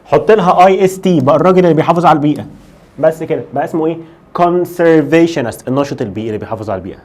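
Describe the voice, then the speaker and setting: Fast-talking Egyptian Arabic English teacher. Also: male voice, a little high, a little mellow. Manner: switches between Arabic and slow, drilled English words; asks himself questions as a student. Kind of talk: lively classroom lesson.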